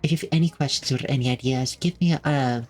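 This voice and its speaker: A streamer with a mid-range, darkish-toned voice talks quickly in a casual live stream, chatting with viewers in a rambling, friendly way full of fillers and restarts. The setup is a home desk microphone with noise filters.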